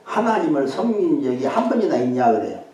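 A man's voice: fairly high pitch, big pitch swings, a little fast, dark tone. An older man, a guest preacher, giving a sermon in a conversational way, often adding short affirming interjections. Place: church sanctuary. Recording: very echoey hall, voice from far off.

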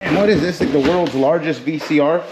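A man with a slightly high voice talks fairly quickly as he narrates a storage unit dig, working through boxes in a metal container indoors. A storage auction reseller, he chats with his camera, jokes, and thinks aloud over background noise.

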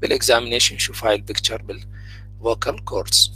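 Gravelly bright-voiced Iraqi man lecturing. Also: medium pitch, steady tone, faint music behind, rough recording. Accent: Iraqi Arabic. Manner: switches between Arabic and English medical terms, slow on terms. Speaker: medical lecturer. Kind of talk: university lecture.

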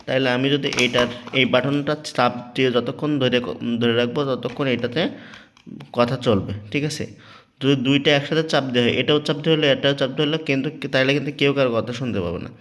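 With a fast, slightly bright, medium-pitched voice and fairly even intonation, this man demonstrates a product in a casual tutorial. He speaks with a Bangladeshi accent, explains each step, repeats points, and keeps asking whether people follow. The recording carries audible background noise and small clicks.

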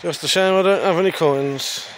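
A man's voice: a little high, moderate pace, slight background noise. Chatty man vlogging outdoors on a phone. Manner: jokey, self-mocking, chatty. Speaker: YouTube vlogger. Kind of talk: casual travel vlog. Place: outdoors by a river and woods. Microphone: phone held at arm's length.

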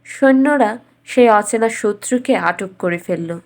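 Speaking at medium pitch, a woman reads a scripted bedtime fairy tale, her storytelling measured and expressive.

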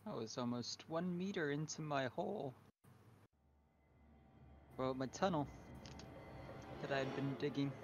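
A man's voice: medium pitch, unhurried, pauses often. Male tabletop player, rambling and boastful, muffled mic with faint hiss. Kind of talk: in-character tabletop play. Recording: dull lo-fi mic with faint noise.

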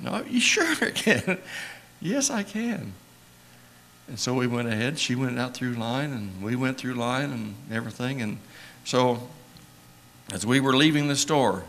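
A man's voice: mid-range voice, sharp tone. An older man, a church elder, telling rambling, emotional stories in a folksy sermon and chuckling often. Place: church sanctuary.

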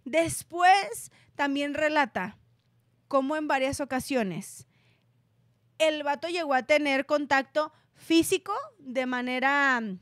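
A Mexican woman co-hosting a celebrity gossip chat, retelling a story in animated casual talk and acting out the quotes. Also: sits high, slow, no room sound, clean studio sound. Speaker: gossip show co-host.

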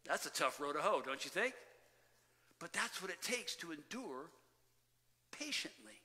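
A man's voice: fairly high pitch, expressive, sharp tone. A man preaching a sermon as pastor, speaking emphatically to his congregation and often calling them loved ones. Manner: emphatic preaching, rising and falling with pauses. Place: church sanctuary. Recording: church hall reverb.

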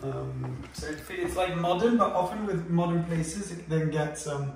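A man's voice: a little high, normal speed, vocal fry, a little hiss or hum. Chatty young man, echoey rooms. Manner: relaxed, chatty, many fillers, walking while talking. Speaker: vlogger giving a home tour. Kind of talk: casual chat. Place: indoors, modern house, moving room to room. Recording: echoey rooms, slightly distant mic.

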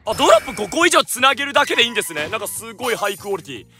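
A man giving energetic, jokey let's-play commentary with loud outbursts. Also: extremely high pitch, rapid-fire, faint music behind. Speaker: gaming YouTuber.

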